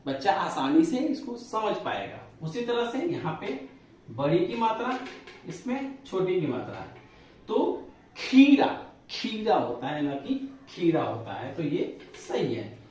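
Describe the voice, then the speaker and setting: A man's voice: on the high side, sing-song, unhurried, darkish tone. A male teacher giving a spoken lesson step by step. He repeats sounds for his listeners to say back and stretches vowels to show long and short ones. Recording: very echoey room, voice from a distance.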